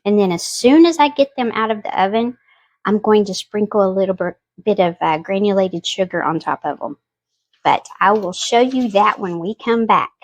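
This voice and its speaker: A home cooking channel host with a medium-pitched, lively voice talks viewers through a casual cooking demonstration at a moderate pace. Her manner is chatty and homey as she covers each step.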